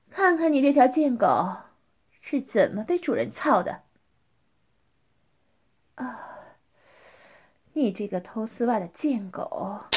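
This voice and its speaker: Brief: a woman as a cruel, mocking dominant woman for an audio role-play; high voice, slow, swooping delivery. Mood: teasing. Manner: taunting, with frequent drawn-out questioning "ah?" and "hm?".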